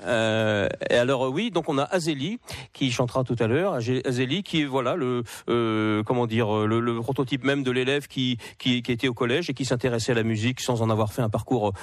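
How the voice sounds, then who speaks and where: A man, a high school music teacher, talking about his students in a live radio interview, hesitant with many fillers and restarts. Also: fairly quick, no echo, clean studio sound.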